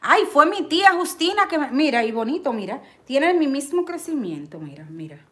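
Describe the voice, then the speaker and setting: Excitable woman live-streaming. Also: high-pitched, normal speed. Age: middle-aged. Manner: excitable, exclaims often, bursts into loud laughter. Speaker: vlogger hosting a live stream. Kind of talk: casual live-stream chat reading viewer comments.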